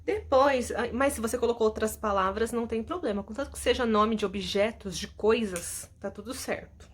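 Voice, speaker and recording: A woman's voice: a little high, normal speed. A woman teacher recording a lesson at home, patiently going over homework answers and often checking with her students. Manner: explains patiently, keeps asking "tá?".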